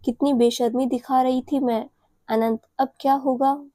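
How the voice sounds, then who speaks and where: A woman's voice: high-pitched, fairly even intonation, a little slow, mellow, dry recording, studio quality. Woman reading a shy sweet bride-to-be. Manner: sweet, bashful.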